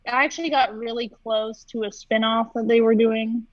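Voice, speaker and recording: A young woman, a voice actress, chatting casually on a livestream and telling animated stories. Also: on the high side, moderate pace, dry recording, highs cut off. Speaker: voice actress, co-host.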